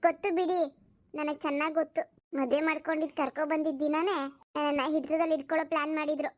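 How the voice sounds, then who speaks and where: Woman playing a defensive, weary young stepmother for a cartoon, pitched very high. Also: little pitch movement, fast, close to an everyday voice. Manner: defensive, pleading her innocence. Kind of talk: cartoon voice acting.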